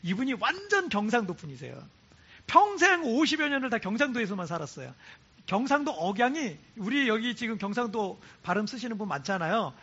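High, lively-voiced pastor preaching. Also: male voice, a little fast, breathy edge, lo-fi sound. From South Korea. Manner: repeats phrases for emphasis, chatty asides. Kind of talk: sermon to a congregation. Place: church in Cebu.

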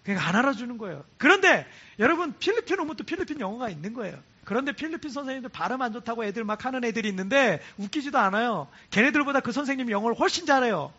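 A South Korean pastor with a high, bright, slightly husky voice gives a chatty sermon to a congregation at a church in Cebu. He talks rapid-fire with hardly any pauses, his lively intonation swinging up and down as he repeats phrases for emphasis. The recording sounds dull and lo-fi.

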